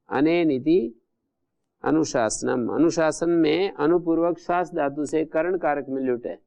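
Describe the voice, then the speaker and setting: A man delivers a classroom grammar lecture in a fairly high, gravelly voice that stays smooth and resonant. He works through each rule methodically, repeating terms and explaining them one by one. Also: a little mellow. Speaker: Sanskrit grammar teacher.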